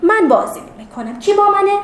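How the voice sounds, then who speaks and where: A woman voicing a bossy, chubby schoolgirl who leads the others in a loud, commanding, dramatic way. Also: very high-pitched, lively intonation, roomy sound, slight background noise, voice pushed up.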